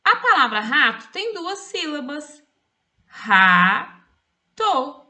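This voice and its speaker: A woman teacher, giving a slow phonics dictation and spelling each word out syllable by syllable. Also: sits high, sing-song, sharp tone. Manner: clearly spells out words syllable by syllable. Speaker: literacy teacher.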